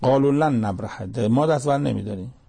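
A man's voice: medium pitch, vocal fry, mellow, husky. A man preaching a sermon, reciting Arabic scripture and pressing his listeners with pointed rhetorical questions.

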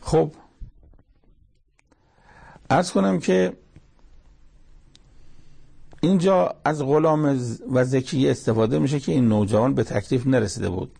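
A man leads a verse-by-verse scripture lesson, speaking in short, measured phrases. His voice is gravelly and husky with a dark, mellow tone. He retells the dialogue of the story as he explains each verse. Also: medium pitch. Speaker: Quran commentator. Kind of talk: religious lesson, verse-by-verse commentary.

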